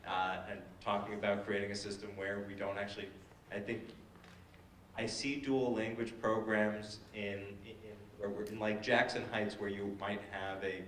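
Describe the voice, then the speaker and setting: A man's voice: lowish voice, flat delivery, moderate pace, a bit bright, recorded from a distance, a little hiss or hum. A man speaking on a panel discussion, hesitant with many fillers and restarts. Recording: echoey hall, voice from afar.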